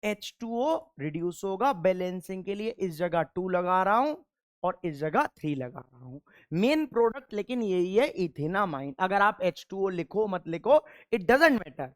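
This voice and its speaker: A male chemistry teacher lectures his class in a high voice with lively intonation at a measured pace. He keeps asking rhetorical questions, answers them himself, and patiently repeats key answers so students can drill them. The studio-quality recording has no echo.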